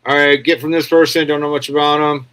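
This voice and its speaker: Male host, slightly high voice, crude sarcastic rambling commentary, keeps asking "yeah?". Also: little pitch movement, fast, a bit bright, smooth. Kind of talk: casual commentary on clips.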